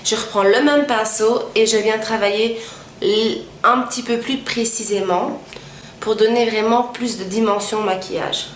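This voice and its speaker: A woman's voice: fairly high pitch, steady tone, moderate pace. A young woman casually talking through a makeup tutorial step by step, with many small hesitations. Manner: chatty, frequent hesitations, step-by-step explaining. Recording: echoey room with faint ambient noise.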